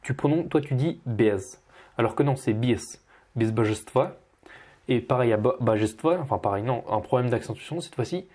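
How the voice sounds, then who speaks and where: A man teaching pronunciation as he corrects a student, patiently repeating each word slowly. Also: mid-range voice, animated, mellow, slightly rough. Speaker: Russian language teacher.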